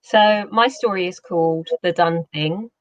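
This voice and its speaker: A woman's voice: fairly low pitch, a little slow, no room sound. A woman author talking earnestly about her short story and then reading its opening. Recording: muffled lo-fi sound.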